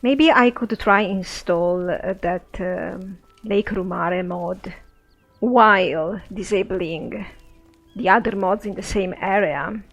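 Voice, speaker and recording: Slow, creaky-voiced woman doing game commentary. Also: medium pitch, no echo, soft background music. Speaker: let's play narrator. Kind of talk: casual game commentary, speaking as her character.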